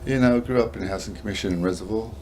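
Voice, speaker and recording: A Melbourne man in his sixties with an Australian accent talks bluntly in a casual interview, rambling and frequently starting over. His voice is lowish and slightly mellow, he speaks at a racing pace, and faint music plays behind him.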